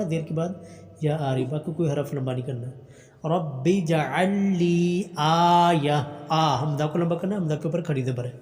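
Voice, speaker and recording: A man teaching Quran recitation to adults, reciting each verse slowly in a drawn-out chant and then explaining pronunciation in quick, patient speech. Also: on the high side, a little mellow, big-room sound. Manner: patient, repeats and corrects.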